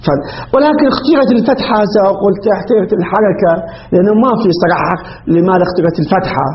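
High-voiced man teaching a grammar lesson. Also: very fast, dull audio, slight background noise. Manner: asks questions and answers them himself.

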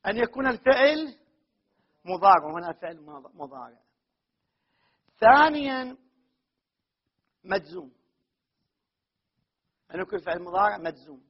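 High-pitched husky male teacher. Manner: repeats key terms and asks the class rhetorical questions. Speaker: grammar teacher. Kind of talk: classroom lecture. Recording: dull lo-fi recording.

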